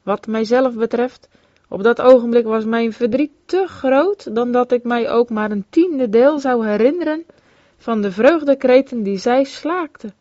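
A woman reads a religious memoir aloud, measured and solemn, her voice a little high. The recording is dull and lo-fi, with a dry, close sound and no room echo. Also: mellow.

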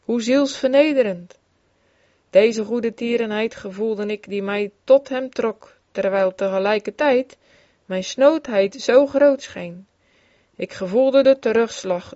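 A woman's voice: medium pitch, mellow, no room sound. A woman reading aloud an old devotional memoir, in an earnest tone that grows fervent in its exclamations. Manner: earnest, with rising fervor in exclamations. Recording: dull, dry lo-fi recording.

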